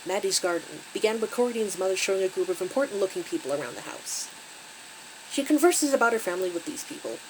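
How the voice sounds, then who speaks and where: A woman's voice: medium pitch, darkish tone, slight background noise, low-quality recording. A woman hosting her channel, recapping a creepy story with wry, conversational asides. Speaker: channel host and story reader.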